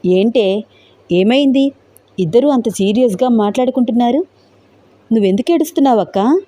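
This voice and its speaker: A woman's voice: a little high, expressive, normal speed, warm tone, lightly acted. A woman voicing a young woman, an anxious friend who keeps pressing with worried questions in a storybook tale. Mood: puzzled.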